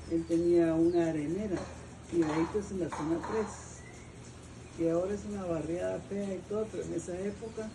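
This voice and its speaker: A woman's voice: on the low side, vocal fry. An older woman with a Guatemalan accent from Guatemala, telling family history in an oral history interview, rambling and searching for names. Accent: Guatemalan Spanish. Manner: rambling storyteller, restarts and hunts for names. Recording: distant mic, noisy with birds cooing.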